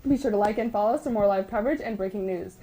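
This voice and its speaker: A woman's voice: medium pitch, racing, mellow, poor audio. A teenage young woman anchoring scripted school news announcements. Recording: faint background noise.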